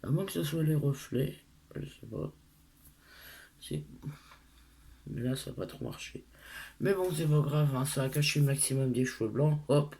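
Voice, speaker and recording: A woman's voice: sits low, moderate pace, pauses often, mellow, slight background noise. Middle-aged woman with a lisp, chatting casually. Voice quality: lisp on s sounds. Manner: hesitant, rambling, self-deprecating. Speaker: craft tutorial vlogger. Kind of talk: casual chat to followers.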